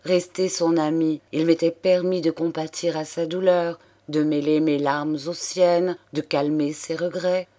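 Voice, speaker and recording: A woman's voice: sits low, flat delivery, a little slow, few pauses, mellow. A woman voicing a stern, remorseful male investigating magistrate in an audiobook reading. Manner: bitter, curt.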